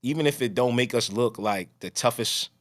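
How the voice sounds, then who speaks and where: A man with a mid-range, slightly bright voice hosts a podcast at a moderate pace. His casual, strong-voiced delivery drifts around, with plenty of restarted sentences.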